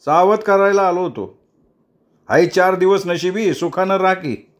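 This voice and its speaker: A male storyteller voices a vengeful young man whose voice sits noticeably higher than the narration. His threats come out quiet and deliberate. This is an audiobook reading. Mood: menacing.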